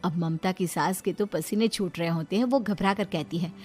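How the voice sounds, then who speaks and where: A woman narrating a cartoon moral story in a plain, even storytelling voice. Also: lowish voice, moderate pace, faint music behind.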